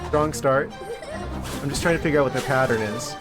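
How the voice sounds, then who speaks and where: A man streams a game with casual commentary. He has a medium-pitched voice and a wry way of thinking out loud. Game music plays clearly behind him. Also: fairly quick.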